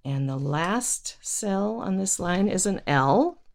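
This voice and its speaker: A woman giving a step-by-step instructional lesson, counting aloud in a patient, halting way and correcting herself as she goes. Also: medium pitch, animated. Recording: noisy recording with paper rustle and clicks. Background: paper rustling and clicks.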